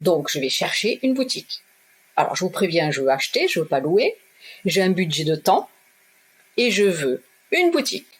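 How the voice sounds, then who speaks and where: A middle-aged woman from southwest France tells her story as an interview guest. Her voice is husky, and her delivery is direct and lively, slipping into the voices of the people in her tale. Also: on the low side, normal speed. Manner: direct, lively, acts out dialogue. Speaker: guest, shop owner. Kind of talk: animated personal storytelling.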